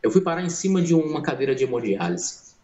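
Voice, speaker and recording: Preacher guy telling his testimony, fairly high voice, acts out all the people, lots of church echo. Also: very animated, quick pace, a little mellow. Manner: dramatic storytelling, acting out the people in his story; addresses listeners as brothers. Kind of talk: sermon testimony.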